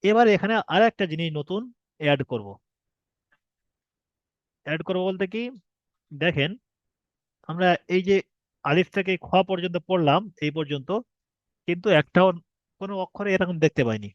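A man's voice: high voice, moderate pace, pauses often, dry recording, lo-fi sound. A man teaching an online class on the shapes and pronunciation of the alphabet, explaining patiently and repeating himself with rhetorical questions. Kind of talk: online recorded class lesson.

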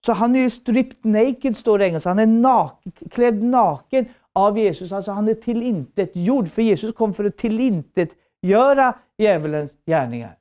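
A woman's voice: medium pitch, lively intonation, hardly any pauses, dark tone. A woman giving a preaching lecture at a Bible school, fervent and emphatic, with repeated phrases and rhetorical questions.

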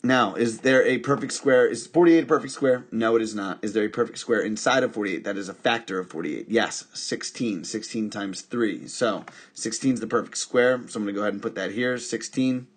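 A husky-voiced man teaching a recorded math lesson, talking through each step by asking and answering his own questions. His voice sits a little low, and he drops in dry, joking asides as he works. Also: a little fast. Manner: talks through steps with self-questions and wry asides.

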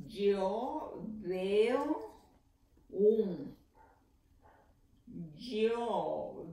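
A woman teacher leading an early reading lesson for young children, slowly sounding out letters and syllables. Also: medium pitch, a little mellow. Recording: echoey room.

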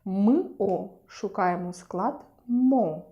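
A woman teaching a speech lesson to young children, sounding out syllables clearly and praising often. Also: medium pitch, drawn-out words, dull audio.

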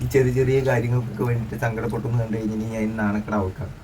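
A man's voice: fairly low pitch, flat delivery, very fast, warm tone, recorded from a distance, slight background noise. A middle-aged man playing the joking father in a family comedy skit, scolding and teasing and repeating himself.

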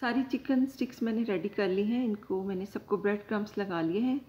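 A woman hosting her own cooking channel, calmly explaining each step of a recipe to viewers from her home kitchen. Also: medium pitch, fairly quick, muffled recording, a little hiss or hum. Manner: calm, instructive, addresses viewers directly.

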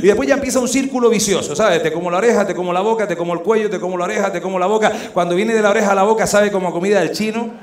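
A man's voice: high voice, rapid-fire, few pauses, roomy sound. A young man from the Canary Islands with a Canarian accent, doing a chatty, punchy stand-up monologue. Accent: Canarian Spanish. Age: young adult. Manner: chatty, punchy, animated, using crowd tags. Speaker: stand-up comedian.

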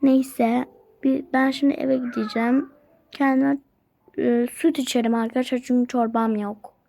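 Speaking at a moderate pace in a high, steady, creaky voice with a dark tone, a young woman narrates a casual game role-play vlog over slight background noise. Her talk wanders and circles back on itself, with friendly asides to her audience. She says she's ill and coughing, and it shows in how rough her voice sounds.

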